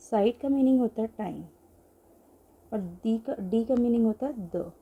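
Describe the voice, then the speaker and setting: Slow, soft-toned woman teaching a lesson. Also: a little high, breathy edge. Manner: explains slowly and patiently, mixing in English phrases; writes on a board while explaining. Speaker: German language teacher. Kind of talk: casual online lesson.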